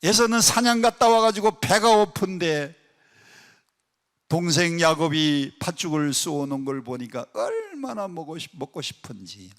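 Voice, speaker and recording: A pastor preaching a sermon to a congregation in a prayer retreat hall, swinging from loud, pressing peaks to soft asides and often quizzing the listeners with questions. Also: male voice, fairly high pitch, sing-song, measured pace. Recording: echoey hall with long reverb.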